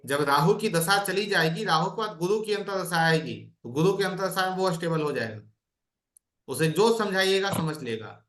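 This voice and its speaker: A man's voice: sits high, expressive, normal speed, fairly bright tone, reverberant. A man teaching an online astrology class, explaining by asking his students questions.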